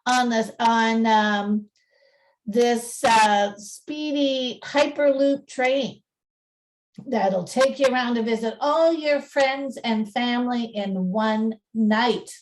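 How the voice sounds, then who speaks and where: Captured far from the mic on a rough recording, a woman with a voice on the high side speaks slowly through an informal talk that combines slides and dramatic reading. She presents museum material and narrates radio plays, and her tone is chatty and self-deprecating.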